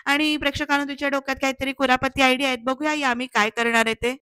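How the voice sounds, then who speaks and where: A woman's voice: sits high, flat delivery, fast, bright, forceful tone, no room sound. A woman narrating a casual voice-over recap of a TV serial, talking straight to her viewers in a chatty way. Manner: addresses viewers directly, chatty. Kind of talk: casual voice-over episode retelling.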